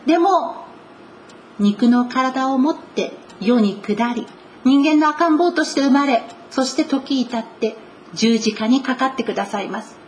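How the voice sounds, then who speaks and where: A woman gives a sermon from the pulpit, leaning on important words with slow, earnest emphasis. Her voice sits a little high. A faint hiss of room noise runs underneath. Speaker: pastor.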